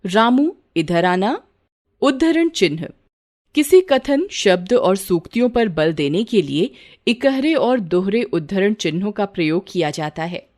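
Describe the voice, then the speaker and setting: A woman reading a school grammar lesson aloud in a measured way, voicing the examples with varied intonation. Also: mid-range voice, very animated, darkish tone.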